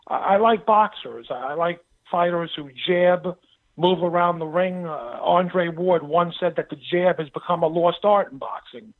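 A man's voice: sits high, unhurried. Middle-aged man on a tinny phone line. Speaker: boxing pundit, phone-in guest. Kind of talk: casual interview answers. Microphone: telephone.

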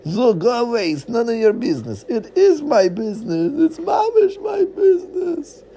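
A man putting on an anxious middle-aged businessman, high strained voice, gravelly edge, soft hiss behind. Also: lively intonation, normal speed. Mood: frantic. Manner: frantic, fretful, exclaiming.

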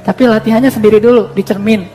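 A man's voice: high voice, steady tone, fast, dark tone, faint music behind. A man giving a casual religious talk as a preacher, in a playful, joking way. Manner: playful, joking, teasing delivery.

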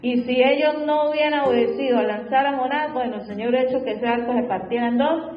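A woman's voice: high voice, fast talker. A woman preaching a sermon. She speaks fervently and keeps repeating her refrains to the congregation. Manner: fervent, repeats "hermano" and "gloria al Señor". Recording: echoey room, dull lo-fi sound, faint music behind.

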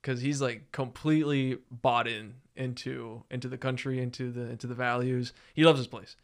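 Guy from naples florida, podcast host, laid back, lots of uh and like. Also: mid-range voice. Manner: relaxed, halting, with many fillers. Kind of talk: casual podcast conversation.

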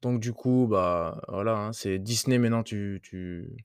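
A man's voice: fairly low pitch, a little slow, clean tone, dry recording. A man hosting a casual motivational podcast, talking loosely with crude slang and many hesitations. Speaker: podcast host.

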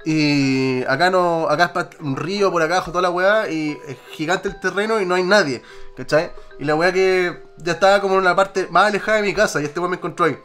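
Fast-talking Chilean man telling a story. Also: high voice, fairly bright tone, faint music behind. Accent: Chilean Spanish. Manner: rambling, slangy, lots of filler tags. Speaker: podcast panelist. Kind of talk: casual storytelling among friends.

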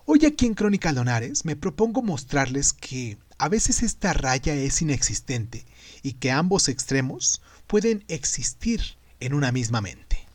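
Male storyteller host, higher-pitched, emphatic and theatrical with deliberate pauses, very animated. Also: no echo. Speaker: podcast host and narrator. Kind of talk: scripted storytelling narration.

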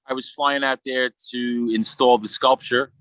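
A man speaks in a Brooklyn accent with a bright, slightly hard-edged voice at an average pitch. He talks casually as an interview guest, rambling and restarting as he thinks aloud. The sound is dry, with little room in it. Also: fairly even intonation, no room sound. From Brooklyn, New York. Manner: halting, rambling, peppered with "you know". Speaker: podcast guest, sculptor.

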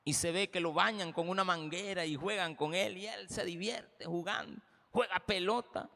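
A man's voice: sits high, normal speed, vocal fry, sharp tone, long reverb tail. A man with a Salvadoran accent preaching a sermon as pastor, impassioned and speaking straight to the congregation. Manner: impassioned, addresses the congregation directly.

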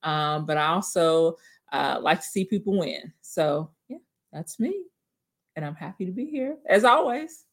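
A woman therapist with a Kentucky accent in a casual chat, relaxed and hesitant with fillers. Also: on the low side, measured pace.

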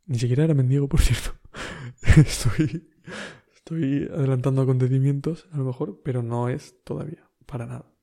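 Dark-voiced man from Spain, slangy. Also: mid-range voice, steady tone, moderate pace, gravelly. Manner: slangy, rambling, peppered with fillers and "bro". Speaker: podcast host. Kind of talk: casual monologue storytelling.

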